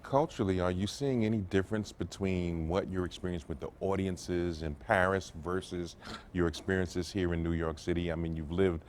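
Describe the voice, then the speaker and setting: Male co-host, very deep voice, measured questioner, faint hum. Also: fairly even intonation, a little mellow. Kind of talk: interview questions.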